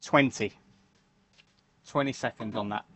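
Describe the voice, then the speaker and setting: Slow, relaxed man chatting. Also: medium pitch, a little hiss or hum. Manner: relaxed, chatty, reads and answers viewer comments. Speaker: livestream host making fishing lures. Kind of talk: casual live-stream chat while crafting.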